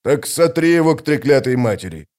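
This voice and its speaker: A man narrating an audiobook, voicing a gruff, grumbling male sapper. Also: mid-range voice, animated, brisk, a little mellow, close to an everyday voice. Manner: grumbling, blunt.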